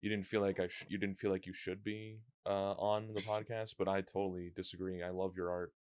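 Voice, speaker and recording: A man hosting a podcast interview, talking in a rambling, halting way with many fillers and restarts. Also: deep voice, flat delivery, clear, resonant tone, no room sound, studio quality. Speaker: podcast host. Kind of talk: casual interview chat.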